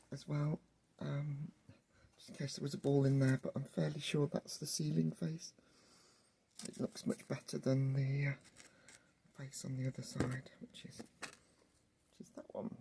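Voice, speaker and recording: Workshop narrator, wheezy, hoarse, raspy, gravelly, hesitant, casual, thinking aloud. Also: medium pitch, mellow. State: hoarse and wheezing from a chest infection and sore throat. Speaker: host of a hobby workshop channel.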